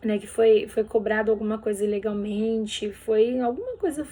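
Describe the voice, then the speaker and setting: A woman's voice: medium pitch, moderate pace, warm tone. A woman teacher going over workbook answers in a recorded lesson, explaining patiently step by step and checking in with tag questions.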